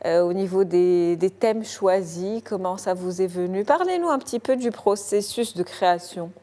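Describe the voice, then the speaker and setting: A woman hosts a television culture show from a studio, formal and courteous. Her voice is mellow and mid-pitched, and her questions slip into brief hesitations. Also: animated, normal speed. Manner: formal, polished introductions with some hesitant fillers. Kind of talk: TV interview.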